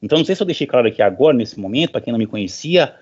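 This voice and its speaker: Here the professor, a middle-aged man, uses a mid-range, slightly mellow voice that is expressive and very fast. Over an online meeting call he speaks informally and emphatically, repeating phrases to motivate listeners, in dull lo-fi sound.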